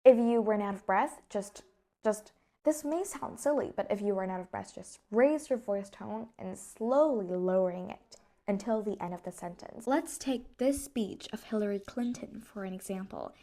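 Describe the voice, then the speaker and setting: A woman's voice: medium pitch, normal speed, warm tone. A young woman from Vietnam with a Vietnamese accent, a native Vietnamese speaker, explaining English pronunciation in a lesson and stressing key words as she demonstrates. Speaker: English teacher.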